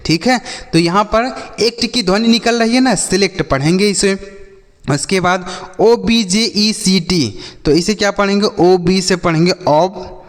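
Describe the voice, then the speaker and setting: A man's voice: sits high, in a large hall. A man teaching children to read English words, spelling each one letter by letter and asking the class what it says. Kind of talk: classroom-style phonics lesson for children.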